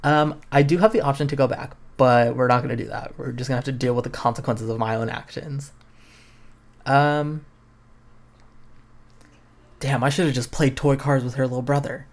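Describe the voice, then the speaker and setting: A man's voice: medium pitch, fairly even intonation, normal speed, creaky, long pauses. Young man reading a game aloud, self-mocking. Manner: reads choices aloud, wry self-mocking asides, laughs. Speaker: podcast host. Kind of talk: casual playthrough of a choose-your-own-adventure game.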